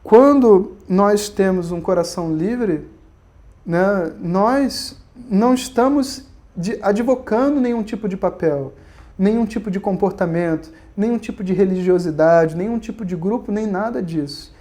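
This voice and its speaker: In this recorded online lecture on Vedanta, the Brazilian-accented teacher sounds high and mellow, talking a little slowly. His style stays conversational and story-driven, peppered with tag questions.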